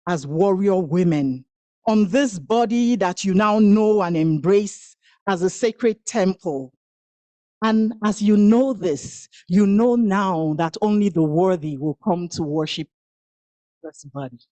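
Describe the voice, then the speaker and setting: At a women's event, a native Igbo speaker performs spoken-word poetry in a chanting, rhythmic style punctuated by long pauses. Her voice is medium in pitch and darkish in tone, recorded without room sound.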